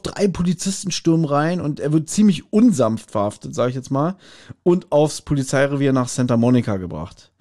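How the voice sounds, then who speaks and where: A podcast co-host with a slightly high, a little mellow voice recaps an audio drama in casual conversation. He often checks whether his listeners or partner agree.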